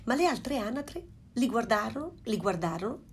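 A woman narrating a fairy tale aloud in a calm storytelling manner. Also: fairly high pitch, normal speed, slight background noise.

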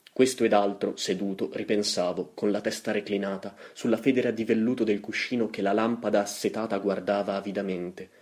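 A man giving a solemn, brooding dramatic reading of a poem, his voice trailing softly at the ends of lines. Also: fairly low pitch. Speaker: reader.

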